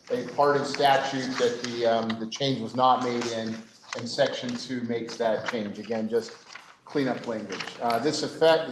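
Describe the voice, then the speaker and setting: A man who serves as a state senator, giving a formal committee report on the floor in a measured, explanatory way with occasional fillers. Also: medium pitch. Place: legislative chamber. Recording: echoey chamber, noisy.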